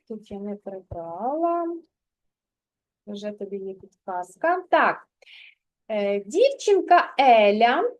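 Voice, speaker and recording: Kindergarten teacher, woman, high and unhurried, patient and encouraging with a young pupil. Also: a little mellow. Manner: patient, encouraging, asks simple questions. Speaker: preschool teacher. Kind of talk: literacy lesson with a child. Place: kindergarten classroom.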